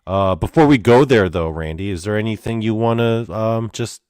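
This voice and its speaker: A young man from Canada hosting a comedy interview show, talking in a halting, awkward way full of fillers. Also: on the low side, darkish tone, clear, resonant tone, no room sound, studio quality. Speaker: host.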